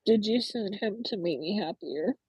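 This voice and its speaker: A woman speaking casually and emotionally to the dead, halting and tender, with frequent sighs and a husky voice. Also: medium pitch, mellow, no room sound, poor audio. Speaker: participant in a live spirit box session.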